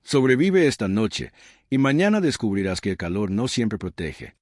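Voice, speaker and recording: A stern widow of the tribe, proud and commanding, voiced by a male narrator. She speaks slowly and gravely, each word weighed like a verdict. The storybook reading is dry and close, with a lively rise and fall. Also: on the low side, no room sound, natural voice. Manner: slow, grave, measured.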